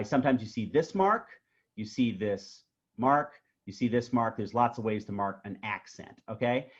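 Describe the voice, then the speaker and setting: A male instructor talks through a music theory lesson in a casual, explanatory way, checking in with "okay?" after nearly every point. His voice sits at an ordinary pitch. The audio is a bit dull and lo-fi. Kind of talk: recorded tutorial lecture.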